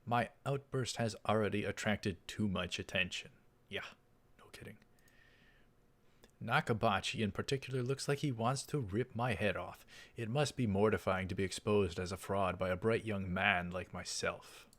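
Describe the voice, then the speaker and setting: This let's play host has a fairly low but fairly bright voice and moves at a moderate pace. He reads the game's story text aloud during his playthrough, dropping casual comments over the game music.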